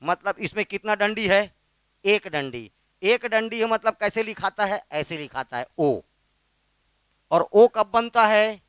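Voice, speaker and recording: A man's voice: high voice, a bit bright, clear, resonant tone, no echo. A male teacher with a Chhattisgarhi Hindi accent giving a classroom grammar lesson, drilling students by asking and repeating the answers. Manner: repetitive, drills students with questions.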